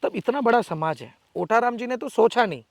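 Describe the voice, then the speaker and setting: A man giving forceful, defiant answers in an interview as a local political figure, with emphatic rhetorical speech. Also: extremely high pitch, animated, brisk, vocal fry, dry recording.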